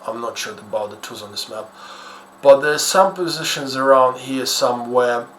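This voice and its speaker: A Ukrainian man with a Ukrainian accent, a YouTuber host, offers casual, unscripted commentary that is hesitant, rambling, blunt and self-deprecating. His voice is medium in pitch and fairly bright, at a normal speed. The room is echoey, with faint background noise.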